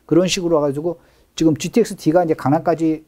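A man's voice: a little high, fairly even intonation, fast talker, dark tone. A middle-aged man, a real estate expert guest, explaining things in an interview with emphatic stress on key words.

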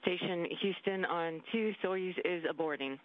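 A woman's voice: fairly low pitch, a little slow, dry recording. Woman on a crackly mission radio loop. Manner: terse procedural radio calls. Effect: crackly space-to-ground radio loop. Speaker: mission control spacecraft communicator. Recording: dry thin phone-like radio line.

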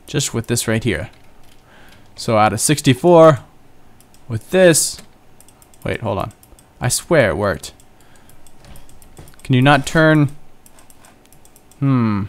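This gaming channel host, a young man, gives casual Let's Play commentary on his own computer game, chatty and rambling with jokes at his own expense. His medium-pitched voice is animated, but he takes it slowly and leaves long pauses.

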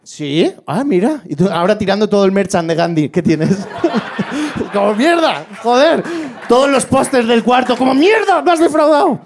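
High-voiced Spanish stand-up comedian. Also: male voice, moderate pace, a little hiss or hum. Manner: animated storytelling, shifting into shouted impressions of family.

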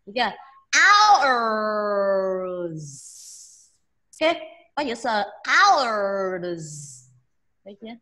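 A woman's voice: high voice, a bit bright. A woman teacher drilling English pronunciation with a class, repeating each sound for students to echo and checking in often.

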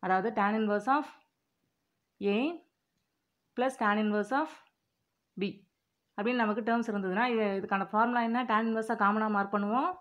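A woman teaching an exam-prep maths lesson, working through formulas step by step and reading each term slowly and deliberately. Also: medium pitch, fairly even intonation, highs cut off.

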